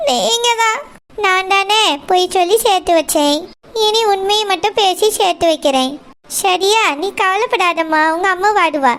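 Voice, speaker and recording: Woman doing a gentle old cartoon grandmother. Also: very high voice, voice pushed down. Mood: soothing. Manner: slow, soft, consoling. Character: gentle elderly grandmother, soothing and patient. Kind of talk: cartoon voice acting.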